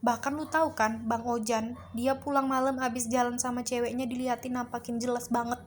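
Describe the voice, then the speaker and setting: A woman's voice: fairly high pitch, little pitch movement, brisk, a little hiss or hum, lightly acted. A woman voicing a gossipy schoolboy friend in a spoken horror story, in casual slangy talk.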